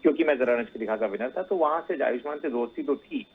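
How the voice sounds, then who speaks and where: A man's voice: medium pitch, animated, quick pace, phone-quality sound. A man, a producer and actor, telling his story as an interview guest in easy, chatty Hindi sprinkled with English words. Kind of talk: casual interview chat.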